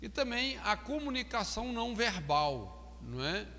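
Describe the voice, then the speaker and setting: A man's voice: high-pitched, sing-song, normal speed, pushed and bright, big-room sound, a little hiss or hum. A man, a pastor giving a recorded lecture on counseling, explaining and often asking "não é?". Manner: frequent tag questions "não é?"; explanatory, stresses key words. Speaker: pastor teaching a counseling course.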